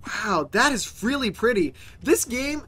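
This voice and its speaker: A woman's voice: a little high, animated, a little slow, slightly rough. Chatty woman gaming YouTuber. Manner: chatty, reacts out loud, laughs often. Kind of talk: casual let's-play commentary.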